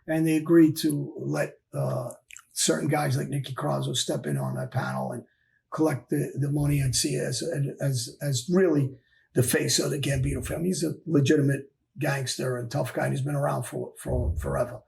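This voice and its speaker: A man's voice: medium pitch, normal speed, creaky, darkish tone. A man, a former mob figure, telling his story candidly in an interview, blunt and emphatic, often repeating his phrases. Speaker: former mob enforcer guest.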